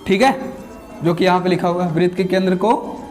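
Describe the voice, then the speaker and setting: High-voiced man teaching a math class. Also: steady tone, a little fast, a little mellow, soft background music. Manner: asks the class questions and answers them himself, repeats key terms; everyday village examples, dictates notes. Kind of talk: classroom lecture, explaining with questions.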